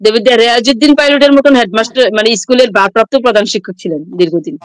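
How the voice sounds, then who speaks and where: Woman teacher, high voice, dry close sound, talks in urgent loops. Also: racing, smooth, no echo, rough recording. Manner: rambling, urgent, repeats herself. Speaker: schoolteacher, interview guest. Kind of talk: emotional first-person testimony.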